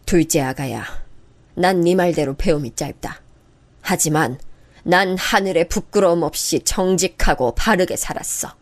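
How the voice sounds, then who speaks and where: A woman voicing a gentle, dignified elderly mother-in-law who speaks slowly and softly in a radio story drama. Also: on the low side. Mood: grave. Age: older. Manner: slow, soft, measured.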